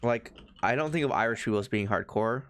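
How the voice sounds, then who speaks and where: A young man co-hosting a podcast in casual chat, easygoing and halting, with many fillers. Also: lowish voice, fairly bright tone, no room sound, studio quality. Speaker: podcast co-host.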